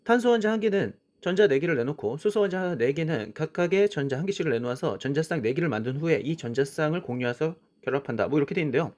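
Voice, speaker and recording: A man's voice: a little high, animated, fast, few pauses, a little mellow. A man teaching a science lesson, drawing on a worksheet as he explains, often starting with "자" and asking questions that he then answers himself. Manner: frequent "자" and "그쵸?" as prompts.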